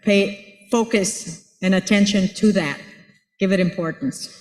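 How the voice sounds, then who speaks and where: In an echoey hall with long reverb, a Puerto Rican woman with a medium-pitched, steady, slightly mellow voice answers an audience question a little slowly. It's an unscripted conference talk, delivered earnestly as she hunts for words and builds her points from everyday examples.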